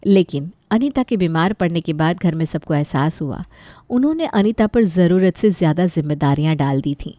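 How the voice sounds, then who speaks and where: A woman narrating a scripted family story in a calm, even way. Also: fairly low pitch, normal speed, no echo.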